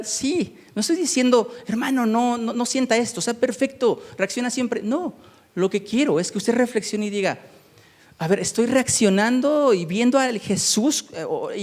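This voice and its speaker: A man's voice: extremely high pitch, normal speed. A man preaching a sermon, reading scripture and explaining it with many restarts and repeated words. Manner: expressive, repeats words and restarts while searching for them; reads scripture aloud then explains it to the congregation. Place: church hall. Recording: long hall reverb.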